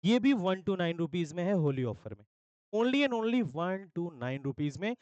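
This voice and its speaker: A young man from India, an English teacher with an Indian accent, promoting his course batches in an energetic sales pitch, often checking in with listeners. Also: unhurried, no room sound, lo-fi sound. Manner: mixes Hindi with English phrases. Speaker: English teacher for exam aspirants.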